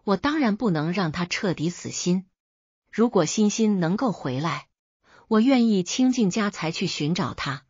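A woman reading a dramatic family story in the first person, at a steady, even storyteller's pace. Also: mid-range voice, moderate pace, husky, dry recording, dull audio. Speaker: narrator.

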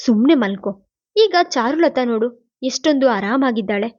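A woman's voice: fairly high pitch, expressive, moderate pace, darkish tone, highs cut off, natural voice. A woman voicing a worried, protective middle-aged mother who grumbles and soothes her daughter in a storybook reading. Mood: grumbling.

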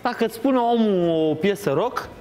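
A woman's voice: medium pitch, animated, warm tone, faint music behind. Woman hosting a tv chat show, teasing guests, voice bouncing all over. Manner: teasing and probing.

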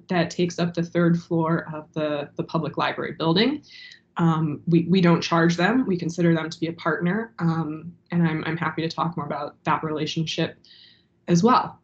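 A young woman with a congested, stuffy voice on the low side delivers formal testimony as a library director in an online meeting, hesitating with many ums. She speaks through a video call webcam indoors in a room at home, and the audio is dull.

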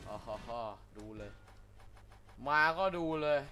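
A young man, a gaming YouTuber, doing excitable let's play commentary, with loud exclamations, crude slang and yelps at every hit. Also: medium pitch, extremely slow, slight background noise. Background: game music.

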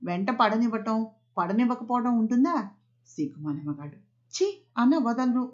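A woman voicing a sharp-tongued young college woman who scolds and snaps. The audio is slightly muffled. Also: on the high side, lively intonation, normal speed, natural voice. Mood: scolding.

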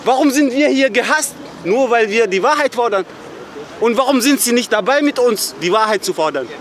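A man protesting outdoors at a memorial, shouting repeated accusing questions at an official in an angry street confrontation. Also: extremely high pitch, animated, moderate pace, a little hiss or hum.

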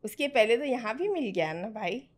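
A woman's voice: on the high side, sing-song, moderate pace. A middle-aged woman mentoring a student on trading in a direct, firm conversational way, slipping English phrases into her talk. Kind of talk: conversational teaching.

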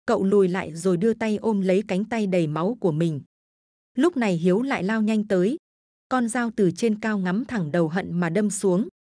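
A woman's voice: medium pitch, mellow, dry recording, studio quality. Dramatic woman horror storyteller. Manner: dramatic, vivid narration.

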